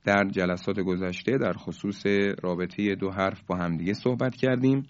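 A man giving a calm radio lesson on recitation rules, stretching the example words out slowly. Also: low-pitched, no room sound, muffled recording. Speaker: Quran recitation teacher on radio.

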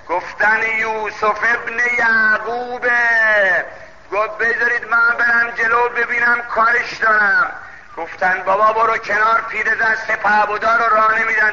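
A man preaching a sermon and telling a story, calling out loudly and then dropping to low asides. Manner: declamatory, swings between loud calls and low asides. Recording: dull lo-fi, long hall reverb, faint noise.

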